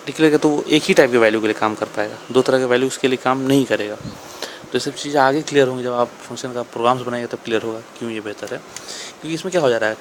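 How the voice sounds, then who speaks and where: A man explains programming in an unhurried, chatty way. He circles back over each point and answers his own questions. His pitch sits in the middle, with a faint hiss behind him. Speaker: programming teacher. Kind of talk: casual explanatory lecture.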